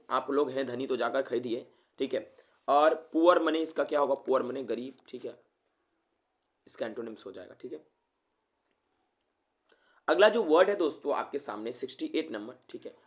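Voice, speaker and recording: A male teacher who runs an exam-prep vocabulary lesson at a mid pitch. He keeps asking his listeners what a word means and answers it himself, padding his lines with "theek hai, okay". He wraps each word in a small memory-trick story. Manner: repeats questions to the class and answers them, fills with "theek hai, okay"; tells memory-trick stories.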